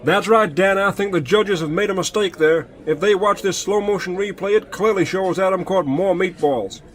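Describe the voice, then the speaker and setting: Brief: British man as keen sports commentator, high voice, play-by-play patter. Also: normal speed, lightly acted. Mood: earnest. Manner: earnest play-by-play delivery. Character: male sports commentator Rick, keen and earnest. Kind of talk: comedy sketch sports commentary.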